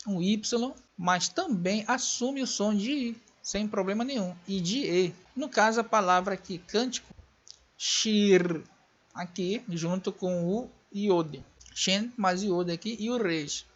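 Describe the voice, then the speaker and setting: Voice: mid-range voice, fairly bright tone. Grammar presenter, insistent, repeats points, scornful edge, muffled lo-fi recording. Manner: emphatic and repetitive, pressing points home; scornful toward opponents. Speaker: video presenter teaching Hebrew grammar. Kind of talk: explanatory rebuttal lecture.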